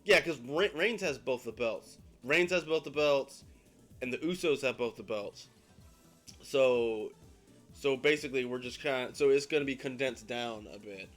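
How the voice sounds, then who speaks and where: A man's voice: medium pitch, moderate pace, fairly bright tone, soft background music. Easygoing man hosting a gaming chat. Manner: easygoing, agreeable, mutters at the game. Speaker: host. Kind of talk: casual chat while gaming.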